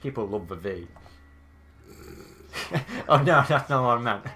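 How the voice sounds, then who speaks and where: A man's voice: mid-range voice, animated, unhurried, sharp tone, slight background noise. A young man hosting casual gameplay commentary, joking and laughing often as he plays. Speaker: gaming channel host.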